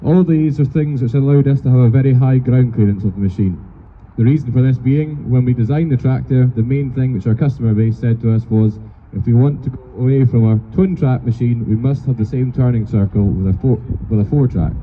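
A man's voice: mid-range voice, fairly quick, breathy edge. A man giving a formal, explanatory product presentation outdoors as a machinery company presenter. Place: outdoors at an agricultural show. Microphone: handheld microphone through speaker, filmed from afar. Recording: thin phone-like PA sound, faint outdoor noise.

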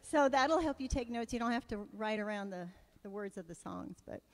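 A woman's voice: a little high, animated, moderate pace, big-room sound. A woman leading worship in church, making casual, joking announcements to the congregation.

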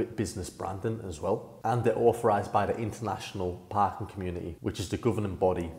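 Presenting a business service alongside slides, a young man keeps things informal, plain and practical. He has a warm, fairly low voice, captured in an echoey room with long reverb.

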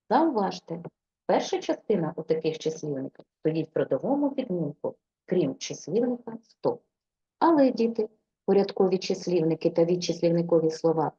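A woman teacher explains a grammar lesson in a clear, deliberate delivery, her pitch rising and falling a lot. Her voice is husky and very dark and mellow. The recording is dull and lo-fi. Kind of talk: scripted lesson.

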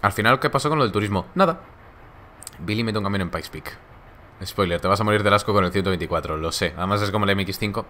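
A man's voice: fairly low pitch, fast, pushed and bright, a little hiss or hum. Joking young man streaming. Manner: laid-back, joking, laughs often. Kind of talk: casual live-stream chat reading viewer comments.

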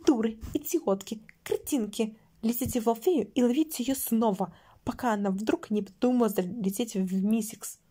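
A woman voicing Lili, a bossy villain girl who leads a dark school, shouting insults at her followers. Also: fairly high pitch, moderate pace, breathy edge. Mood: furious.

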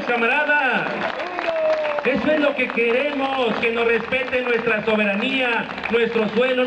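A man's voice: very high voice, noisy background. A middle-aged man with a Mexican accent giving a combative, crude protest speech from an outdoor stage, talking into a handheld mic. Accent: Mexican Spanish. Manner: combative, crude, calls the crowd comrades. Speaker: union leader giving a rally speech. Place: outdoor stage at a street rally. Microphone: handheld mic through a PA, filmed from the crowd. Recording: distant, echoey, muffled amateur video of a PA.

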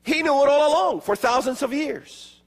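Middle-aged male conference speaker from the Middle East, emphatic and slow, high register, long reverb of a large hall. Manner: slow emphatic delivery with gestures. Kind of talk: prophecy conference lecture. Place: large hall with seated audience.

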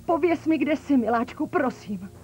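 A woman's voice: high voice, expressive, darkish tone, slight background noise. A frantic, pleading mother. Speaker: dubbing actor. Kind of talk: dubbed telenovela acting.

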